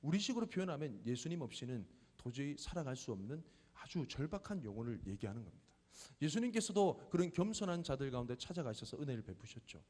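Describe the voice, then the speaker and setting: Man, thirties, pastor, sermon, animated pitch, long church-hall echo. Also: fast talker. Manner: conversational, explains with questions and family stories.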